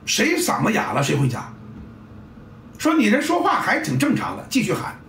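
A middle-aged football coach swings his high, creaky, fairly bright voice through huge pitch leaps at normal speed. His salty, blunt monologue acts out sounds and scenes, recorded roomily on a distant mic with faint ambience and slight background noise.

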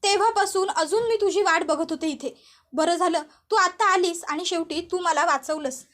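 The spirit of a young woman stuck inside a tree, earnest and pleading, voiced by a woman telling a story. The voice is very high and close, with nothing eerie about it. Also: normal speed, a bit bright. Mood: tearful. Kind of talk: storytelling voice acting.

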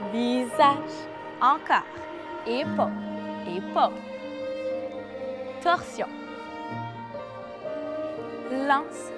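A woman dance instructor calling out moves and counts for a seated routine, cueing each step slowly and clearly. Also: sits high. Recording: long reverb with music behind. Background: music.

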